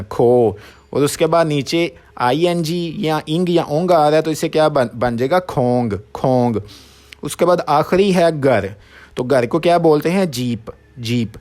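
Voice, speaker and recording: A man teaching a vocabulary lesson, asking questions and answering them himself, sounding out each word slowly and repeating it. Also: fairly high pitch, a little mellow. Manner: repeats words slowly, asks and answers his own questions. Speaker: language teacher.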